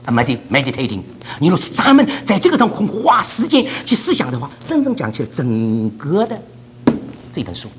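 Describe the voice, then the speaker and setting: A man's voice: fairly high pitch, wildly swooping pitch, brisk, slightly rough. An older man from China preaching a sermon, laughing often and mixing English words into his talk.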